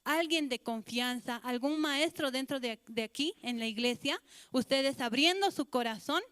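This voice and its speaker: High-voiced woman telling children a story. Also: normal speed, fairly bright tone, clean tone, no echo, studio quality. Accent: Bolivian Spanish. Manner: addresses children directly with questions. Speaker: children's church teacher.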